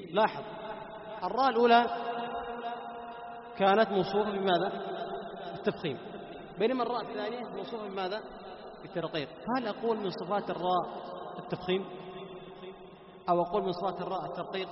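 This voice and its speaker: A man teaching a Quran recitation class, questioning his students and answering himself. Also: sits high. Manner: chants Quran verses slowly as examples. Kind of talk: classroom lesson on tajweed. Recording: echoey hall, dull lo-fi, background noise.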